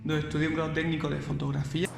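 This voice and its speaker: A man's voice: a little high, level tone, racing, vocal fry, background noise. A man from Spain with a Spanish accent, a volunteer photographer giving a fluent personal account. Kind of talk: personal testimony. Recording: echoey room.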